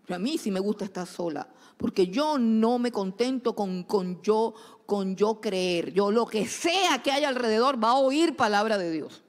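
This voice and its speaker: A woman preaching a sermon, swinging between loud exhortation and hushed asides. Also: medium pitch, unhurried. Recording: long hall reverb.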